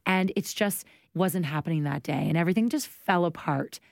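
A woman's voice: lowish voice, fairly quick, creaky, dry recording, clean studio sound. A woman in her late thirties co-hosting a podcast, talking candidly in a casual chat and laughing often. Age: late 30s. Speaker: podcast co-host.

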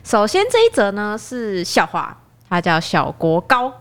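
A woman co-hosting a casual podcast chat, retelling jokes with frequent laughter, with a Taiwanese Mandarin accent. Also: a little slow. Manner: animated, laughs often, shrill when amused. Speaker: podcast co-host.

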